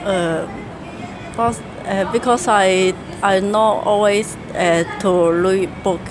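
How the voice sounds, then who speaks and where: A woman's voice: mid-range voice, steady tone, slow, noisy background. A young woman from mainland China with a Chinese accent answers interview questions in second-language English, hesitantly, repeating and searching for words. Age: young adult. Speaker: university student interviewee.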